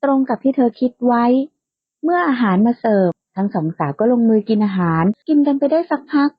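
A woman narrating a romance audiobook in a calm, steady storytelling voice, in a lightly lo-fi, dry recording. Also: on the high side, a little fast, husky, no room sound.

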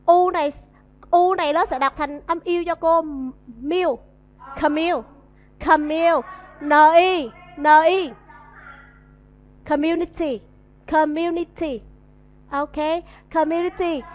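Vietnamese lady teacher, high voice, keeps quizzing the class, kinda dull lo-fi audio. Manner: coaxing, questions the class and drills pronunciation. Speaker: English teacher. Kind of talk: classroom vocabulary lesson.

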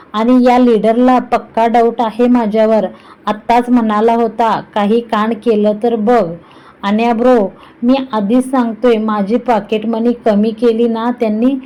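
A woman's voice: on the high side, mellow, natural voice, rough recording. A woman voicing a cheeky, talkative young man teasing his older brother in a storybook reading. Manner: chatty, cheeky, playful.

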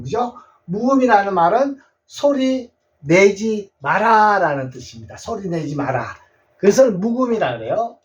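A man teaching a patient blackboard language lesson to seniors, repeating each word and checking in with his listeners. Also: high voice. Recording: distant, dull lo-fi sound.

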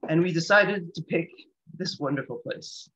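A patient advocate from near Toronto, a man in his thirties, gives a guest seminar talk over a video call from a small indoor room. His voice is on the high side and fairly bright, at a normal pace, and his open, reflective delivery is conversational despite dull, lo-fi audio.

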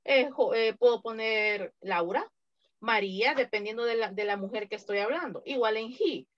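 With a Latin American Spanish accent, a woman conducts an online English grammar lesson, slowly and patiently repeating example answers. She has a fairly high pitch, captured in a dry, lo-fi recording.

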